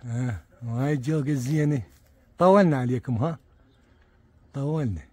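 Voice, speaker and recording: A man with an Iraqi accent giving casual, excitable commentary to viewers as he films his pigeons outdoors, repeating words and dropping religious blessings. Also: medium pitch, moderate pace, slightly rough, no echo. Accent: Iraqi Arabic. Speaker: pigeon keeper filming his birds.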